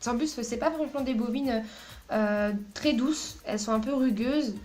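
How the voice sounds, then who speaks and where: Woman, high voice, chatty, hesitant, giggly, faint background music. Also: moderate pace, darkish tone. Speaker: craft video host. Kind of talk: casual craft haul and tutorial chat.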